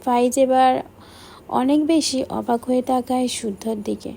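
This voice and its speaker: High, gravelly woman narrating an audiobook. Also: unhurried, mellow. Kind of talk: audiobook reading of a romance novel.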